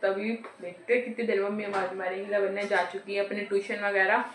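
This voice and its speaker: A woman's voice: mid-range voice, little pitch movement, fairly quick, a little hiss or hum. A woman vlogging casually from her home kitchen, chatty and laughing at herself, filmed on a phone in a roomy room. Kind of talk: casual home cooking vlog.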